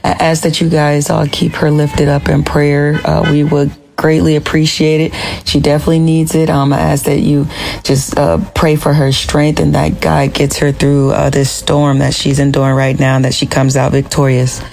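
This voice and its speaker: A woman from Ohio calling in to a show to ask for prayers, sincere and warm with brief fillers. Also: low-pitched, completely flat delivery, moderate pace, vocal fry, a little hiss or hum. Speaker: caller to a radio show. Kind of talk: phoned-in prayer request.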